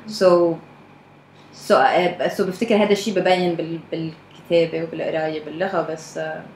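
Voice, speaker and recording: A woman's voice: deep voice, fairly even intonation, a little fast, darkish tone. A woman with a Levantine Arabic accent talking candidly and casually, dropping English phrases into her Arabic. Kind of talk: candid casual group discussion. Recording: roomy echo, faint background noise.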